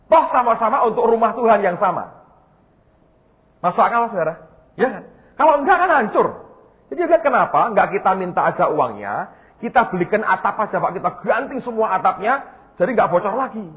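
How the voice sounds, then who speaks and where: A male pastor preaching a sermon, telling a personal story to his congregation and swinging between hushed asides and loud, animated emphasis. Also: fairly high pitch. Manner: storytelling, addresses congregation as "saudara". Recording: tinny phone-like sound with long hall reverb.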